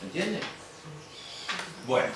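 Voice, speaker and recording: Man teaching, echoey far room. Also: heavy background noise. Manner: explanatory, quizzes students, repeats words slowly. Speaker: guaraní teacher. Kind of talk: classroom lecture. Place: museum classroom.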